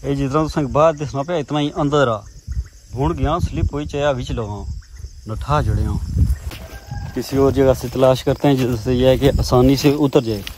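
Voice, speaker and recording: A man chats loosely to his viewers, recorded outdoors on farmland. His pitch sits in an ordinary middle range for a man. He wanders from point to point, often circling back through the same filler phrases. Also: normal speed, noisy background. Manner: rambling, chatty, leans on filler phrases. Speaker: vlogger. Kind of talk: casual vlog chat while doing garden work.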